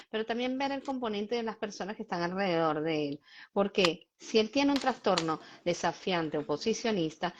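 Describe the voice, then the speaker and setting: A woman speaking at an ordinary middle pitch, hosting a live stream as a child behavior specialist. She explains emphatically and keeps turning to concrete examples for parents. The stream audio sounds slightly dull and lo-fi.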